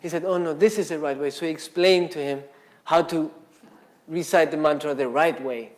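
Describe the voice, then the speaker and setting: A man's voice: a little high, moderate pace. A man giving a casual, conversational Buddhist talk at a meditation centre, telling a story and acting out the quotes with lots of "you know" and "like". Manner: casual and conversational, filler-heavy, acts out quotes.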